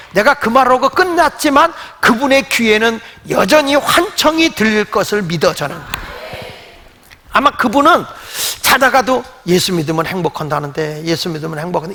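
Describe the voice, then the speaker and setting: Older man pastor, high gravelly voice, lively storytelling sermon in a reverberant church. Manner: animated storytelling, acts out quoted voices. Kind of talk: Sunday sermon. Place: church sanctuary. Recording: long hall reverb.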